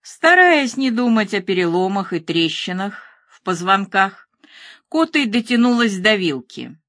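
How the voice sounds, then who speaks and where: A woman narrating a thriller audiobook in a measured, even reading. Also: medium pitch, no room sound, clean studio sound.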